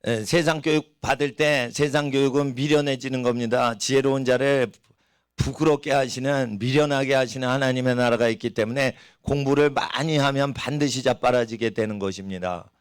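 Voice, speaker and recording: A man's voice: mid-range voice, steady tone, moderate pace, smooth, no echo, clean studio sound. A middle-aged man preaching a sermon in a church, folksy and storytelling, acting out little voices of people and animals as he goes. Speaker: pastor.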